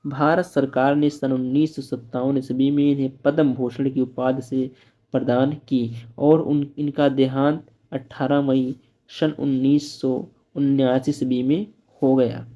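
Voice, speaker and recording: Man teaching exam answers, mellow dull sound. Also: mid-range voice, little pitch movement. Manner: reads answers aloud slowly, then explains in plain asides. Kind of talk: exam-prep lesson.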